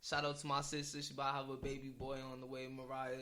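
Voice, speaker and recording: A man's voice: mid-range voice, monotone, fast talker, sharp tone. A twenty-year-old man chatting on a podcast in casual street slang.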